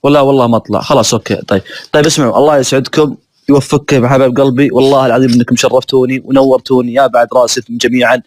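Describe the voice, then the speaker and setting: Male streamer, playful rapid banter, dry close recording. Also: mid-range voice, fairly even intonation, dry recording. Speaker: live streamer. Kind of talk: casual live-stream chat with viewers.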